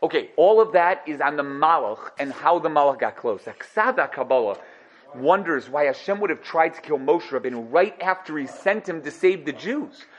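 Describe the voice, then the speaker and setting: A man with teaching a religious class as a rabbi, emphatic and animated, repeating phrases and posing rhetorical questions. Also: fairly high pitch, moderate pace, dull audio. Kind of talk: animated religious lecture with Hebrew terms.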